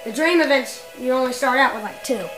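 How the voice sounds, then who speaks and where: A woman's voice: high voice, fairly quick, poor audio. A woman giving casual, rambling commentary on her own gameplay, often restarting and correcting herself mid-sentence. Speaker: gameplay video maker. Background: loud video game music.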